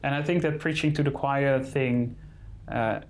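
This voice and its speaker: A man's voice: mid-range voice, steady tone, measured pace, slight background noise. A man who is not a native English speaker, answering interview questions in careful English and searching for words. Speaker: conservation photographer being interviewed.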